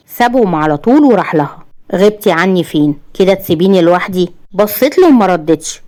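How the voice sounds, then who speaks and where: A woman with an Egyptian Arabic accent narrating a dramatic story in a steady storytelling manner. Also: lowish voice.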